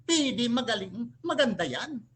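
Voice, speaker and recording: A man argues in a religious debate, and his delivery is forceful and emphatic. He keeps challenging the other side with rhetorical questions and switches languages freely as he talks. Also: very high-pitched, animated, a little slow, slight background noise. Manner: switches between Tagalog and English mid-sentence. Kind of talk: live religious debate argument.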